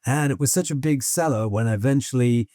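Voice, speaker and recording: An older man hosts a conversational interview, trading anecdotes. His voice is mellow and dark, recorded close and dry. He talks in a chatty way, often laughing and putting on quoted voices. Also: mid-range voice, a little fast, no room sound. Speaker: podcast host.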